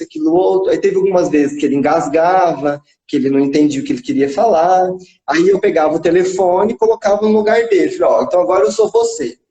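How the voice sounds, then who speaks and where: A man's voice: fairly high pitch, dark tone. A young man, a psychodrama psychologist, casually recounting a therapy session with a child and acting out the quoted dialogue. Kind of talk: casual storytelling in a live chat. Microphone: phone on a live video stream. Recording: echoey room.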